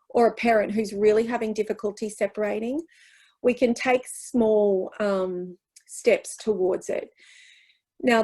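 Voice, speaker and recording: A woman presenting a workshop in a middle-pitched voice. She speaks earnestly and reassuringly, leaning on key phrases and restarting sentences as she answers questions. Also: darkish tone, poor audio.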